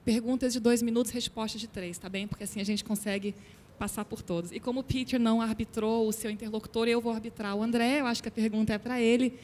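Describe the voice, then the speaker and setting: A woman moderating a panel discussion, organized and polite, giving clear instructions. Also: fairly high pitch, fairly even intonation, fast talker, a little mellow, long reverb tail, slight background noise.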